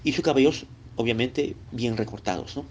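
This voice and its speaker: A Peruvian man from Lima teaches a recorded Bible lesson at a moderate pace, his ordinary mid-pitched voice marked by a Lima Peruvian Spanish accent. He talks casually and straight to the listener, checking in with brief tag questions. The recording sounds dull and has a faint hiss.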